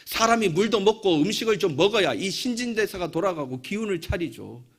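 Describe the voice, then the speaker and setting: Guy pastor preaching, storytelling, drops quiet then gets loud and fervent. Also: sits high, lively intonation, brisk, husky. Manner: storytelling, swinging from hushed asides to loud fervent prayer. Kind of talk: sermon.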